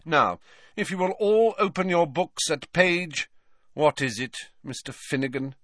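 A man's voice: a little high, lively intonation, a little slow, fairly bright tone, voice pushed up. A man voicing a cold, sneering male teacher with a bored, mocking drawl.

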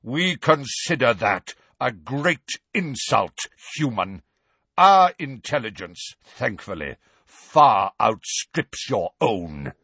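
A man voicing a rough, stern, proud male centaur leader. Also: medium pitch, very animated, slow pace, pushed and bright, no room sound, full character voice.

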